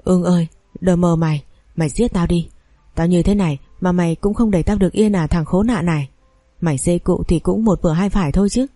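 A woman's voice: fairly low pitch, a little fast, dark tone, no room sound, clean studio sound, natural voice. A woman voicing a suffering older wife who wails and hurls pleading curses. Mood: anguished. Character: older wife, burned legs, in pain, desperate.

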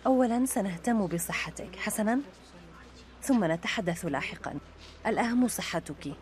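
A woman voicing a soothing female officer who calms and reassures a detainee, in dubbed documentary dialogue. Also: medium pitch, normal speed, lightly acted. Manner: soothing, pleading.

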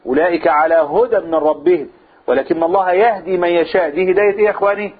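A man's voice: sits high, fairly even intonation, very fast, breathy edge. A man with an Egyptian Arabic accent, teaching a Quran commentary lesson. He explains by asking his own questions and answering them. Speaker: religious teacher. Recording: tinny phone-like sound.

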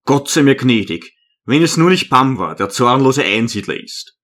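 A man narrating an audiobook as a first-person storyteller, measured and earnest. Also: mid-range voice, big pitch swings, a bit bright.

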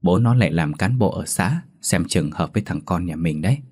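Gentle coaxing village wife, read by a man. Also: low voice, moderate pace, husky. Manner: soft, coaxing, calm. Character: gentle middle-aged village wife and mother.

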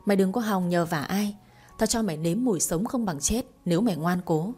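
A woman voicing a cruel, threatening young husband in a read-aloud story, with a husky, mellow voice. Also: fairly low pitch, a little fast, faint music behind. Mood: menacing. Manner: menacing, contemptuous.

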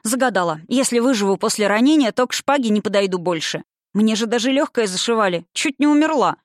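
A woman reading aloud gives a stubborn, quick-tempered young noblewoman a lively, raised voice. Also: no room sound, studio quality, lightly acted. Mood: wheedling. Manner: lively, pitched up.

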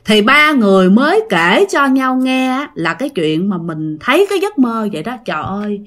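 Telling a ghost story in a chatty, casual way, a woman addresses her listeners head-on. She has a fairly high, bright, sing-song voice and speaks at a normal speed.

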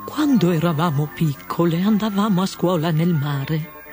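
Woman putting on a deep, mournful mock turtle. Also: a little mellow, faint music behind, natural voice. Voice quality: deep, lugubrious. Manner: sighing, melancholy, slow.

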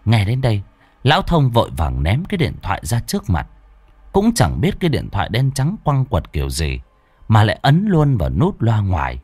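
A man's voice: lowish voice, wildly swooping pitch, normal speed, a little mellow, breathy edge, no room sound. A man narrating a horror audiobook in a dramatic storytelling manner.

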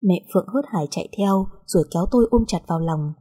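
Woman, first-person story narration, soft, emotional, mellow, breathy. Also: lowish voice, lively intonation, fast.

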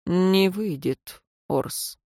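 A woman voicing a stern male royal councillor in an audiobook, questioning his subordinate slowly and coldly. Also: lowish voice, dark tone, dry recording, clean studio sound. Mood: coldly interrogating. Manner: slow, cold, interrogating.

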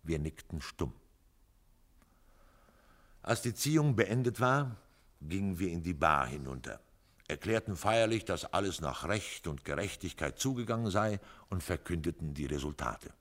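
A man giving an expressive, measured literary reading of a story for radio. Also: low-pitched. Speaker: reader. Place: radio studio.

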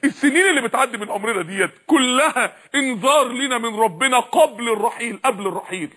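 Male Egyptian Arabic preacher, husky, rapid-fire sermon delivery with relentless rhetorical questions. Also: extremely high pitch, sharp tone. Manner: urgent, repeating rhetorical questions to the audience.

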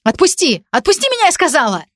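A woman's voice: expressive, a little slow, no room sound, clean studio sound. A woman voicing a furious, unhinged jealous young woman who hisses threats, in a storybook reading. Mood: shrieking. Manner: shrill, hissing threats.

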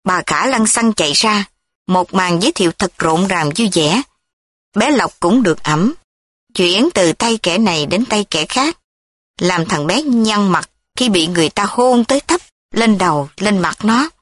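A woman narrating a story in a steady storytelling manner. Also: mid-range voice, unhurried, dry recording.

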